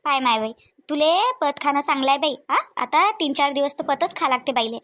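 A woman's voice: high-pitched, animated, brisk, a bit bright. A woman voicing a kind, talkative older village woman with a Varhadi Marathi accent, coaxing and repeating herself in a cartoon. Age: middle-aged. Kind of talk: cartoon voice acting.

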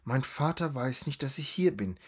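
A man voicing a serious young noble girl on the run in a storybook reading, urgent and hushed. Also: medium pitch, lively intonation, normal speed, breathy edge.

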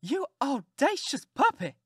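A woman voicing Aunt Sally, a fussy, sharp-tongued Southern farm aunt who scolds and exclaims. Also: medium pitch, big pitch swings, moderate pace, no echo, clean studio sound. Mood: scolding.

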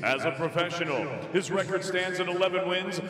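Male ring announcer, lucha libre announcer style, higher-pitched, theatrical, drawn-out names, very echoey distant arena PA. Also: fairly bright tone. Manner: theatrical, booming showman delivery. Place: boxing ring in an indoor exhibition arena. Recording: echoey arena PA, heard from afar.

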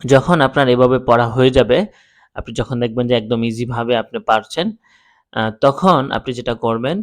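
A man's voice: medium pitch, normal speed. A man teaching a Quran reading lesson, reciting letter names with their vowel marks and explaining patiently.

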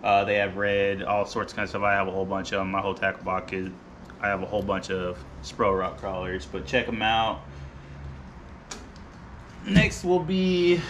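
Thirties male vlogger, bright tone, loose rambling delivery, close camera mic in a garage, faint hum. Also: fairly low pitch. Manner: relaxed, rambling, many ums and uhs. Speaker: fishing vlogger. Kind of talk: casual gear walkthrough. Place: garage, seated by boat gear.

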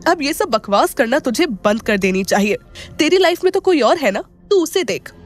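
A woman voicing a quick-tempered young male friend in an audio drama, scolding with a raised voice. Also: fairly high pitch, lively intonation, faint music behind, close to an everyday voice.

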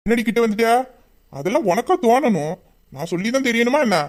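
A performer plays a lovesick young man in a romantic audio drama. He grumbles and sulks in a mid-pitched voice, putting on anger he cannot keep up. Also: lively intonation, quick pace, darkish tone, natural voice. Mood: sulky. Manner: grumbling, mock-angry, then tender.

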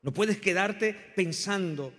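A male pastor preaches with fervor, his voice climbing and falling as he calls the congregation to repeat after him. His slightly husky voice rings through a church hall with a long reverb. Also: slow pace, a bit bright. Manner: impassioned preaching, rising and falling in pitch and volume. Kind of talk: sermon.

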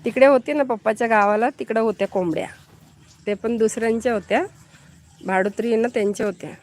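Woman from Maharashtra, fairly high voice, chatty live-stream host who greets her viewers. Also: fast talker, darkish tone. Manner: chatty, greets viewers and answers their comments.

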